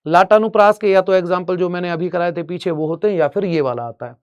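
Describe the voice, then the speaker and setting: Man, Bihari accent, high-pitched, exam-prep teacher, step-by-step explaining. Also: fast, clear, resonant tone, dull audio. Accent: Bihari Hindi. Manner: explains step by step, asks students rhetorical questions. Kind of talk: exam-prep grammar lesson.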